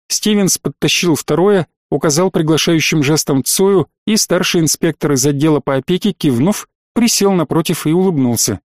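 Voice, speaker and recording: Male audiobook narrator, measured and even, slightly high, dry close mic. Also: no room sound. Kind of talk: scripted narration.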